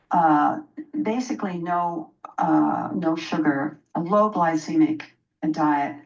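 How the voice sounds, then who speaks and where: A woman in her mid-sixties talks as a guest in a radio interview. Her voice sits fairly low, and she explains personally, repeating phrases for emphasis. The recording is a little muffled and distant. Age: 60s. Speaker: interview guest, health practitioner. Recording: dull, roomy, distant microphone sound.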